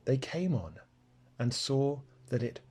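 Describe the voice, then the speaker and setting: A man narrating a children's storybook aloud at an unhurried pace. His husky voice rises and falls expressively, soft-spoken and warm to the ear of a listener. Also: mid-range voice, sing-song.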